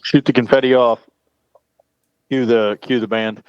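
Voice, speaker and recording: A man's voice: mid-range voice, fairly even intonation, measured pace, clean tone, dry recording, highs cut off. Jokey male podcast host, dry close mic. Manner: jokey, puts on mock accents, announces guests. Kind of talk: casual chat.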